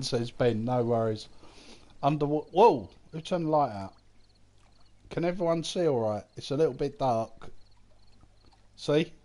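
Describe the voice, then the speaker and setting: A man chatting casually with viewers on a game live stream, laughing often at his own jokes. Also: fairly high pitch. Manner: chats with viewers, reading their comments aloud.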